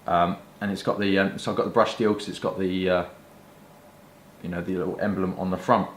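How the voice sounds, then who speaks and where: A British pipe-smoking vlogger shows off pipes and tobacco, chatting casually to camera in a rambling, colloquial way with mild swearing. His voice sits low, fairly quick with little pitch movement, and the room has a roomy echo and faint background noise.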